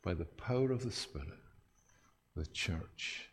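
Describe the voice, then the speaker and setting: Male pastor, low voice, lively, self-deprecating sermon, long church reverb. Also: measured pace, a little hiss or hum.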